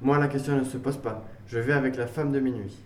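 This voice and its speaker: A man's voice: medium pitch, fairly even intonation, fairly quick, natural voice. An actor playing a lovesick man who declares his love in over-the-top romantic phrases. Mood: crooning.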